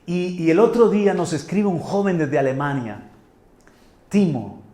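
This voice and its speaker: Pastor from Spain, a man, high voice, animated sermon delivery with loud peaks, heard in a roomy church hall. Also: a little slow. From Spain, Murcia. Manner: animated preaching, builds to loud exclamations.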